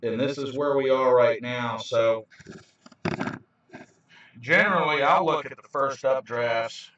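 A man's voice: mid-range voice, takes it slowly, fairly bright tone, a little hiss or hum. Man storm chaser, distant roomy sound. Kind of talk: explaining weather radar to viewers. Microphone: handheld camera, away from the mouth. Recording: roomy, dull, distant handheld camera mic.

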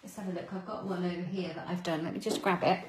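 A woman's voice: fairly low pitch, steady tone, fast, a little hiss or hum, poor audio. A woman giving a live craft demonstration, chatting with viewers as she works and laughing at her own fumbles. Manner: chatty, greets viewers by name.

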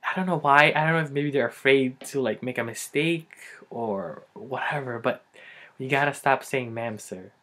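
A young man with a Filipino accent chats to the camera in a loose, joking vlog style. He rambles and fills pauses with ums and likes. His voice sits at a middling pitch. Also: a bit bright. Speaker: vlogger. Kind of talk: casual comedic vlog.

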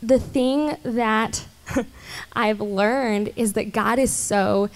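A young woman in her twenties speaking on a church stage panel, chatty and earnest with many ums and soft laughs, into a handheld mic. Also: a little high, fairly even intonation, extremely slow. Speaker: panel guest.

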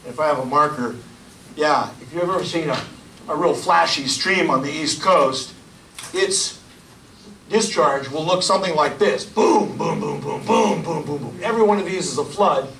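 A man in his forties giving a loud, energetic public science lecture to a room of listeners. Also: on the high side, normal speed, a little hiss or hum. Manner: loud, energetic, gestures and points at slides. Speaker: county hydrogeologist giving a public talk. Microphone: lapel mic, filmed from the room. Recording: echoey room, voice from far off.

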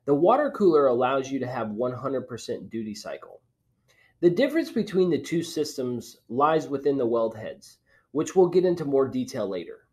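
A man in his thirties presenting a technical slide talk over a webcam, explaining in a lively way and trailing off at line ends. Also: medium pitch, normal speed. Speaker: presenter for an equipment company. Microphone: webcam video call.

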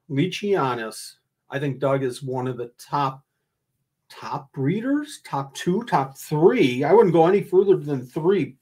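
Husky older man announcing giveaways. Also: on the high side. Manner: chatty, joking. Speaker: livestream giveaway host. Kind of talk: casual giveaway announcement, reading out gift list. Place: indoor room, livestream.

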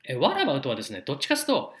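A man teaching a casual video lesson, explaining in a chatty, animated way with spoken examples. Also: mid-range voice, racing. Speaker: English teacher.

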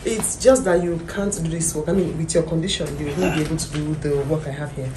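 A woman's voice: low voice, fairly even intonation, fast talker, roomy sound, recorded from a distance, heavy background noise, lightly acted. A woman with a Nigerian accent playing a bossy, stern mother and lady of the house in a comedy skit. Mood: dismissive. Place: living room indoors.

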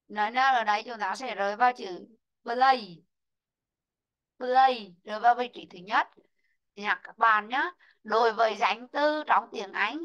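A woman teaching an online English lesson, slowly modelling word stress and calling out students who answered right. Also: a little high, fairly bright tone, highs cut off. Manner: slow, drawn-out model pronunciations of English words; calls out student names and marks answers right.

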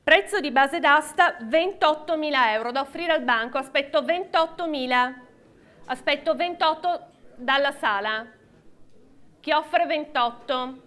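High-pitched woman auctioneer calling bids. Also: measured pace, a bit bright. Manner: auctioneer's chant, repeating bids and counting down. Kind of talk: live auctioneering of classic cars. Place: large auction hall with seated audience.

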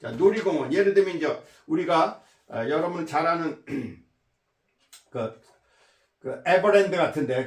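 A man teaching English phrases, explaining in Korean with fillers and repeating each English phrase slowly for drilling. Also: fairly high pitch, darkish tone, roomy sound, distant mic. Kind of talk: spoken English lesson.

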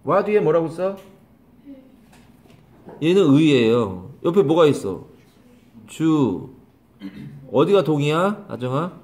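In a small classroom, a man teaches English grammar, calling on students by name, repeating his questions, and scolding them. His voice is somewhat high and darkish, with big pitch swings, a slow pace, and frequent pauses.

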